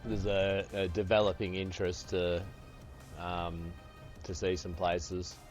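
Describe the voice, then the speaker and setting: Speaking slowly in a low-pitched voice with a level tone, a man around fifty chats casually with viewers while gaming on stream. He swears freely and calls them brother, with faint music behind him.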